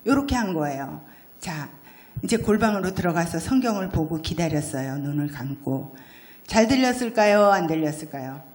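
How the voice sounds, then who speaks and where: A woman's voice: fairly low pitch, normal speed. A middle-aged woman, a church deaconess, telling a humorous personal story in a sermon to her congregation. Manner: lively, humorous storytelling with acted-out quotes. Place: church hall.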